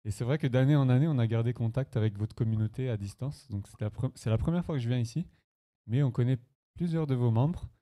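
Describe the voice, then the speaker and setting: A man's voice: medium pitch, fast. A man from France, a pastor, telling his personal testimony to a congregation in a conversational, storytelling way. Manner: conversational, warm personal storytelling with light laughs. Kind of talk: sermon testimony. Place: church hall.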